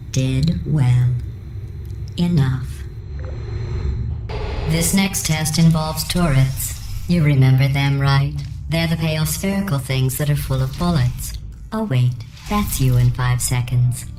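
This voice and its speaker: A woman voices a female video game AI who runs tests, coldly cruel and passive-aggressive, delivering deadpan, sarcastic, falsely sweet lines with icy sarcasm. Her voice is extremely low, run through synthetic robotic processing in an echoey room.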